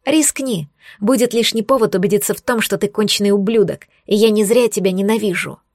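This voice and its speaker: A woman voicing a sharp-tongued young heroine in an audiobook, with defiant retorts. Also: mid-range voice, brisk, dry recording, clean studio sound, natural voice.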